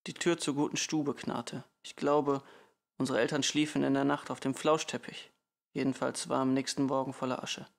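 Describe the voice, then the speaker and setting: A man reading a novel aloud in a subdued, measured audiobook narration. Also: mid-range voice, little pitch movement, vocal fry. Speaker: audiobook reader.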